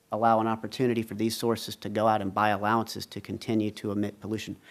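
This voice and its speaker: A man presents at a policy panel in a steady, mid-pitched voice. He walks the audience through his slides point by point, measured and deliberate. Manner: measured, explains slide graphs. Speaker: panel speaker. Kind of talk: conference presentation.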